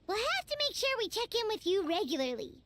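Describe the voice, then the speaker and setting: A woman voicing a tiny, excitable female companion creature in game dialogue. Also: fairly quick, heavily acted. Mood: excited. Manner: squeaky and excitable.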